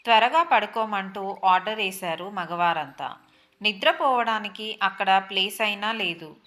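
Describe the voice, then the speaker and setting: A woman storyteller narrating a first-person story in an expressive, dramatic way. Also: medium pitch, measured pace.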